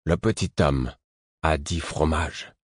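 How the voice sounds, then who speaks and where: Man doing a slow, halting old hermit. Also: very deep voice, husky, no echo, studio quality, full character voice. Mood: gruff. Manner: slow, halting, simple phrasing.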